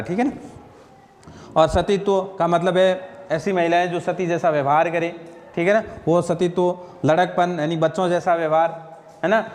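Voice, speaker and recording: High-voiced man teaching Hindi grammar. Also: big-room sound. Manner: asks and answers own questions, repeats "ठीक है ना?". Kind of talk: classroom lecture.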